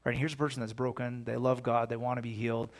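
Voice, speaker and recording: A man leads a Bible study in a relaxed, conversational way, pausing to read scripture aloud with extra weight. His voice sits at a middling pitch with a noticeably gravelly texture. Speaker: pastor.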